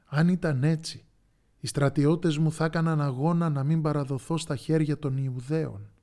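A man voicing a calm teacher on trial who speaks in a measured way in a Bible storybook. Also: fairly high pitch, close to an everyday voice.

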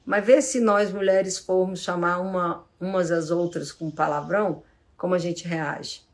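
Here a Brazilian-accented psychologist in middle age handles a casual live Q&A, her voice lowish and pace a little slow. She explains calmly and plays out quick examples of how to talk to someone.

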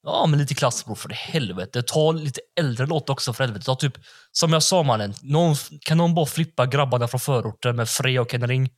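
A young man from Gothenburg with a Gothenburg accent, co-hosting a podcast and chatting eagerly about hip hop, full of slang and swearing. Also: medium pitch. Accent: Gothenburg Swedish. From Backa, Gothenburg, Sweden. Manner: slangy, swears freely, enthusiastic. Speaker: podcast co-host.

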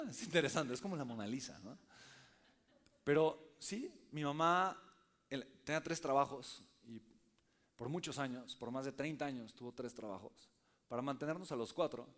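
A man telling a personal story to a live audience, keeping them engaged with frequent quick questions. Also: medium pitch, fairly bright tone. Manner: conversational, keeps checking in with the audience. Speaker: speaker addressing a live audience. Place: in front of an audience.

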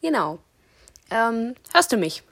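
Slow, higher-voiced woman hosting a challenge. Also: very animated, creaky, a bit bright. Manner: speaking deliberately to someone in headphones, repeating questions and key words. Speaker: host.

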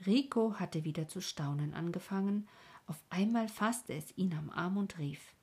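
A woman narrating a children's storybook in a calm, gentle way, often sinking into a half-whisper. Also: on the low side, moderate pace, slightly rough. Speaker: audiobook narrator.

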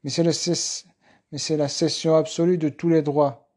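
A curt, threatening male writer, as a male reader puts him on in an audiobook. He presses hard and talks a little high. The tone stays mellow and unhurried. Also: little pitch movement, natural voice. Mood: cold. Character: angry male writer with power saw.

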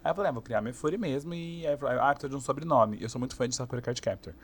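A young man with a Brazilian Portuguese accent, chatting casually as a guest and telling lively stories, laughing often and acting out what people said. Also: mid-range voice, very fast, husky. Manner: animated storyteller, laughs often, acts out quotes. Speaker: streamer guest. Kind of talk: casual podcast chat.

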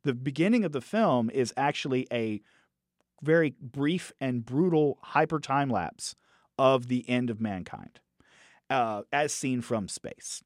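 A man talks through a film review with a middle-pitched voice, animated and restarting his phrases as he thinks aloud. The sound is dry and close to the mic, with no room echo. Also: unhurried. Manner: animated, acts out quoted characters in raised voices. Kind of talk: casual podcast film review.

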